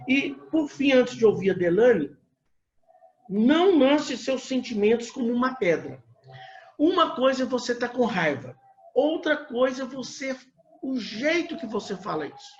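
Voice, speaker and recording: A man's voice: very high-pitched, roomy sound, highs cut off, slight background noise. A man from Minas Gerais, Brazil, a pastor teaching a couples class in a conversational way, full of filler tags and restarts. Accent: Brazilian Portuguese, Minas Gerais.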